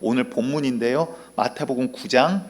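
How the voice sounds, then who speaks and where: A man preaching a sermon as pastor, telling stories in a relaxed, conversational way with many pauses and fillers. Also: mid-range voice. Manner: conversational storytelling with frequent fillers.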